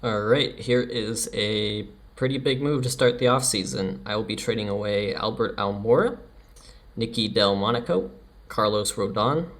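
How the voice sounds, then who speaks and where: A man's voice: fairly low pitch, normal speed, fairly bright tone. Chatty man narrating a baseball game. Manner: chatty, laughs at himself. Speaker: let's play commentator. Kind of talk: casual game commentary.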